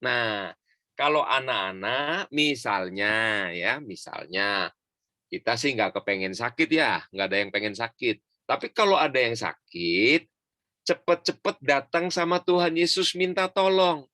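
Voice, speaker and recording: A man's voice: mid-range voice, pushed and bright, dry recording, clean studio sound. A man, a pastor, telling a Bible story to children over a video call, acting out the voices and having the kids repeat lines after him.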